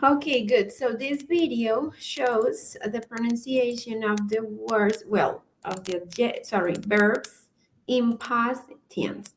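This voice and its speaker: Woman, online teacher, unhurried, patient explaining, video call mic. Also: on the high side, poor audio. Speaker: English teacher. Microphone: computer mic on a video call.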